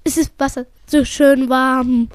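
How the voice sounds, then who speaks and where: A woman's voice: sits high, little pitch movement, unhurried, no room sound. A woman voicing a freezing, meek male shark who stutters and shivers through the words in a children's story. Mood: freezing, shivering.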